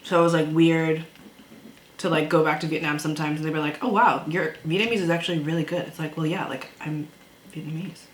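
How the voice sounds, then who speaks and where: A woman from Canada chatting casually over a meal, relaxed and easygoing. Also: low-pitched, fairly quick. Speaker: co-host. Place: indoors at a table. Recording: echoey room, faint noise.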